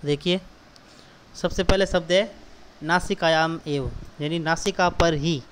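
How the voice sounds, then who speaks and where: A male teacher walks children through a textbook exercise, repeating each word and its meaning patiently. His voice sits a touch higher than most men's. A faint hiss runs under the recording. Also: steady tone, unhurried. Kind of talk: explaining textbook exercises to schoolchildren.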